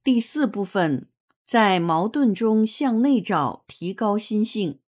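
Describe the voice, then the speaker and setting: Woman narrator, unhurried, earnest read-aloud testimony, mid pitch. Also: animated, a little mellow. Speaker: reader of a personal testimony.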